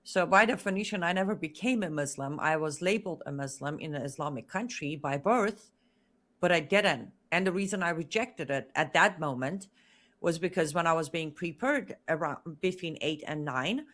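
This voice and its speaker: Here a woman whose first language is Farsi tells her own story as an interview guest, her low-pitched, slightly bright voice expressive and at normal speed. The testimony is earnest and emphatic, with words repeated for stress.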